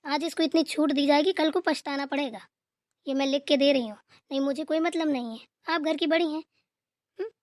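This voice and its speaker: A woman's voice: high-pitched, fairly even intonation, brisk, darkish tone, no echo, clean studio sound, lightly acted. A woman voicing a strict middle-aged mother in a cartoon who lectures her daughter and mother-in-law. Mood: lecturing. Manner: lecturing, preachy.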